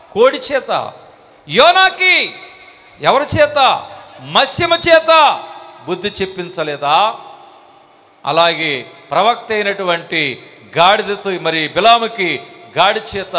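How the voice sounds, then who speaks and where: A male pastor preaching a sermon with fervor and shouted climaxes. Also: high voice, animated, unhurried, pauses often. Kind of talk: Telugu sermon.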